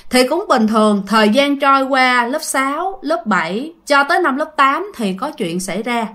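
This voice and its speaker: Bright-voiced woman storyteller. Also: sits high, expressive, normal speed. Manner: chatty, addresses listeners directly. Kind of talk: ghost-story narration.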